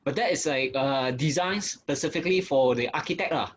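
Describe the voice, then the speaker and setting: A man's voice: on the high side, a little fast, slight background noise. A man with a Singaporean accent in casual conversation, often repeating words and hesitating as he goes. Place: online group call.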